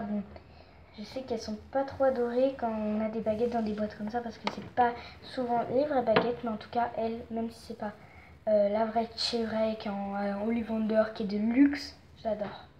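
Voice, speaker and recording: A woman vlogger chatting casually and excitedly as she shows off her collection, rambling with fillers and gushing over each item. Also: on the high side. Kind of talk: casual show-and-tell chat. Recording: dull lo-fi sound with faint noise.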